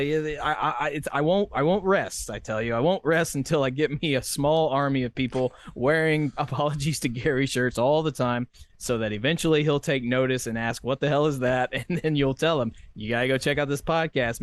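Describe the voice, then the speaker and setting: A male podcast co-host talking casually at an average pitch, trailing into fillers and restarts as he goes. He jokes around and laughs easily. The sound is close and dry, with no room behind it. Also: dry recording. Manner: rambling, lots of fillers and self-corrections; joking, laughs often.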